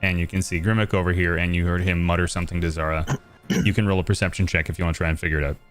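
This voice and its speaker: Man, lowish voice, game master, relaxed, filler-heavy, faint music behind. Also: racing, smooth. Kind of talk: narrating a tabletop game over voice chat.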